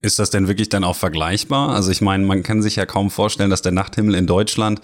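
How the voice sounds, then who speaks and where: Deep-voiced man with a slight cold. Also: fast talker. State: slight cold, scratchy throat. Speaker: podcast host. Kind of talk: conversational interview.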